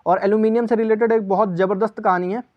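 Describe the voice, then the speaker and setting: A man's voice: high voice, fairly even intonation, quick pace, dull audio. A man teaching a casual quiz lesson, chatty, asking viewers for answers and repeating each key answer as question and reply. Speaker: exam-prep teacher.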